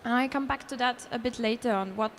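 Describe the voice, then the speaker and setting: This high-pitched Austrian speaker talks quickly during her conference presentation in a hall, earnest yet prone to restarting and correcting herself. Slight background noise can be heard.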